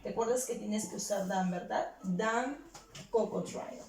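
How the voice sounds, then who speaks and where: Woman English teacher, unhurried bilingual lesson style, slight hiss behind, roomy sound. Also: medium pitch, darkish tone, distant mic. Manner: slow and deliberate, repeating words and switching between English and Spanish. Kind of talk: bilingual classroom lesson for children.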